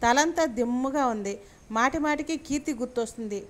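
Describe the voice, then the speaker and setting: Reading a serialized novel chapter by chapter, a woman speaks in a high voice. Her delivery is steady and measured, like a storyteller comfortable with her own text.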